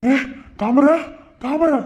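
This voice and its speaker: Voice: sits high, very slow, a little mellow, muffled recording. A performer acting as a flustered young husband who complains fretfully in a family skit. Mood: exasperated, fretful.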